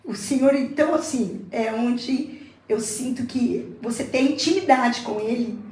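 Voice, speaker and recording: A woman's voice: on the high side, measured pace, darkish tone, echoey room, poor audio. A middle-aged woman in casual chat, telling an emotional faith testimony and repeating herself for emphasis. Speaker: guest.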